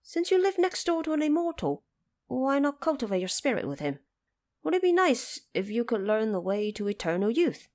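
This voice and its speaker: A woman voicing an eager, cheeky male monkey in an audio drama, excitable and insistent as he questions. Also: a little high, moderate pace, voice pushed up. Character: eager, cheeky young-sounding male Monkey King seeking immortality.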